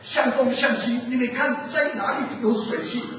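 A man's voice: very high-pitched, steady tone, normal speed, a crowd in the background. A male pastor preaching a sermon, asking his listeners questions and acting out an animal fable. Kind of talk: sermon with storytelling. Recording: distant echoey hall, muffled, noisy.

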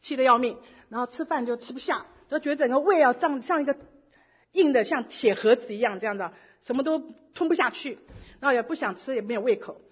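A middle-aged woman with a high, husky voice shares a personal testimony. She tells her story in a lively way and drops English words in here and there. The recording sounds dull and lo-fi. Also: fast. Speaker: church member giving a testimony.

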